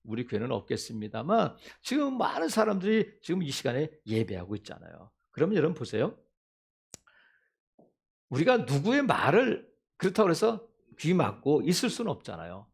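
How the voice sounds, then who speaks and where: A male pastor preaching a sermon in an animated way, acting out quotes from scripture. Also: a little high, normal speed, vocal fry, slightly rough.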